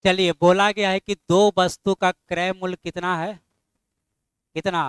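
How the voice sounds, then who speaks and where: A middle-aged man teaching a math class, firing constant questions at his students and scolding them mildly when they are slow. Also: high voice, little pitch movement, smooth, no room sound.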